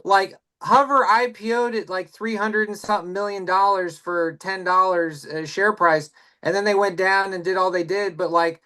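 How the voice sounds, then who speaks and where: High-voiced man reading out comments. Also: steady tone, moderate pace, few pauses, bright, forceful tone, smooth. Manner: joking, reads comments aloud with filler "uh". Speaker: co-host reading viewer comments. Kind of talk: casual livestream chat.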